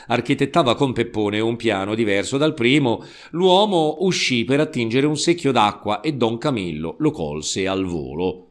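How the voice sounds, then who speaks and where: Slow, expressive male storyteller. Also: fairly low pitch. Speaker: narrator. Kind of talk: live reading of a novel.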